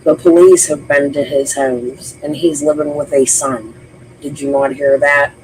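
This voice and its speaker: A man's voice: on the high side, fairly even intonation, measured pace, rough recording. A man talking casually and plainly. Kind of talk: casual talk. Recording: faint background noise.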